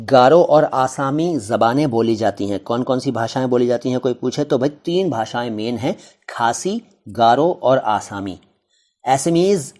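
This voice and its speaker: A man's voice: medium pitch, a little mellow. A male teacher explaining a textbook chapter, reading a line and then glossing each word with synonyms, asking and answering his own questions.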